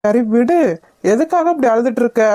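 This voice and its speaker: A woman playing a mellow, soothing cartoon father. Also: on the high side, fairly quick, no echo, clean studio sound, lightly acted. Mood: remorseful. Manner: soothing, pleading. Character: soft-hearted middle-aged father. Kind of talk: cartoon voice acting.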